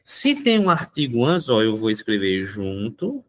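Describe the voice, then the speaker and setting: A male teacher walks through a grammar lesson. He talks in a lively, coaxing way and repeats each rule to make it stick, his voice sitting at a middle pitch. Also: measured pace. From Northeast Brazil. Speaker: Portuguese teacher.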